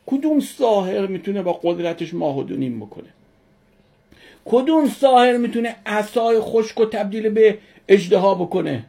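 A woman's voice: mid-range voice, animated, warm tone. A woman teaching a religion class who asks her students questions and answers them herself, repeating key words for emphasis.

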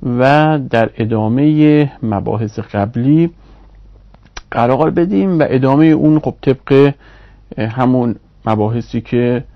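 A man giving a recorded online grammar lesson, explaining step by step at a measured pace with pauses and fillers. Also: medium pitch, lo-fi sound. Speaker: Arabic grammar teacher.

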